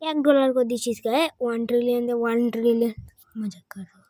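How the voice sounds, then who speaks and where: A woman doing excited gameplay commentary, dropping Hindi phrases in as she counts and clicks. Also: a little high, rapid-fire, a little hiss or hum. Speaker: gaming channel host.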